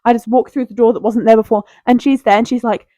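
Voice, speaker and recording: Playful young woman, bright and jokey. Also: a little high, fairly even intonation, quick pace, no room sound. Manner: playful, self-interrupting, jokey. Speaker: tier list video host. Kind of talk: casual rambling commentary.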